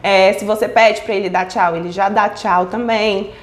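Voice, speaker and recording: A woman's voice: medium pitch, fairly even intonation, moderate pace, echoey room. A woman giving an explanatory online lesson on child speech development, often checking in with her listeners as she goes. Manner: frequent checking fillers like "certo?" and "tá?".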